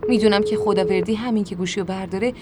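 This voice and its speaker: A woman's voice: medium pitch, steady tone, heavy background noise. A woman narrating a dramatic first-person story in an emotional voice. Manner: emotional, shifts to screaming anger in dialogue. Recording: music behind.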